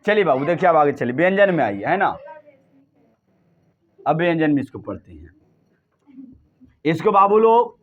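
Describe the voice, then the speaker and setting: Male teacher, high and animated voice, quizzes the class over and over. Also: moderate pace, long pauses, highs cut off. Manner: drills students with repeated questions. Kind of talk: classroom lesson.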